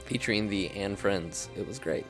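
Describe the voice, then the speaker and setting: A man's voice: lowish voice, normal speed, music in the background. A young man chatting casually and rambling in a self-deprecating way as he plays a video game. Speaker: streamer. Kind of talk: casual gameplay commentary.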